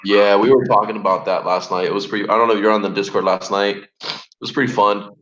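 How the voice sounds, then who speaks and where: Blunt guy swearing a lot, kinda low voice, muffled lo-fi discord audio. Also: fairly even intonation, quick pace, a crowd in the background. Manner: blunt, profane, laughs between points. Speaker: Discord voice chat participant. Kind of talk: casual chat. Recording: lo-fi voice chat audio.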